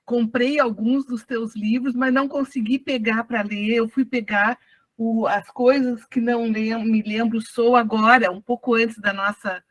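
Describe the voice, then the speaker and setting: A woman's voice: on the high side, steady tone, unhurried, no echo, distant mic. A woman speaking as a panelist, hesitant and searching for words. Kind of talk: casual talk at an event.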